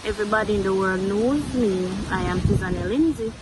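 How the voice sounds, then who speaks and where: A woman's voice: mid-range voice, moderate pace. A woman in her twenties with a Jamaican accent, telling a personal story earnestly and repeating herself for emphasis. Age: 20s. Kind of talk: emotional personal account. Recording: noisy background.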